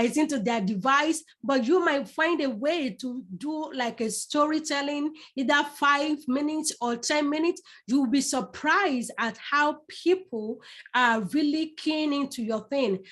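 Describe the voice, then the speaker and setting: A middle-aged woman with a Yoruba Nigerian accent teaches public speaking in a live online masterclass, speaking directly to her listeners and repeating words for emphasis. Her voice is high-pitched with a fairly bright tone.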